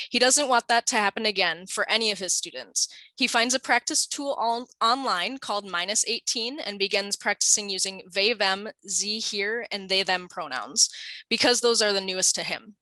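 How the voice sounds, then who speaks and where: Bright, dry-voiced woman narrator. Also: medium pitch, no echo, low-quality recording. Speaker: scenario narrator. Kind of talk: scripted narration.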